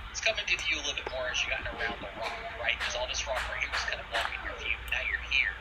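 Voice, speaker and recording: Man, game master, tabletop narration, casual asides, medium pitch, far from the mic, noisy background. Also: lively intonation, rapid-fire. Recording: distant mic with clear background noise.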